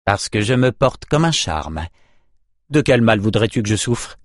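A man playing a calm, wry male hero. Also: fairly low pitch, measured pace, dry recording, studio quality. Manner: calm, matter-of-fact explaining.

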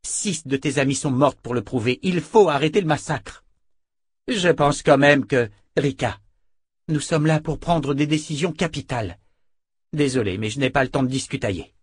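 A man's voice: mid-range voice, normal speed, husky, no room sound, voice pushed up, natural voice. A man voicing a proud, commanding woman leader who speaks firmly and with authority. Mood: stern. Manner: authoritative, firm.

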